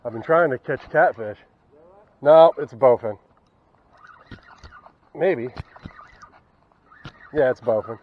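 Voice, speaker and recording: A young Southern US man hosts a fishing channel, talking casually to camera from a small boat on a wooded river while muttering asides and cursing at fish. His mid-range voice is slow and slightly rough, with frequent pauses. An action camera on the boat records slightly dull outdoor audio.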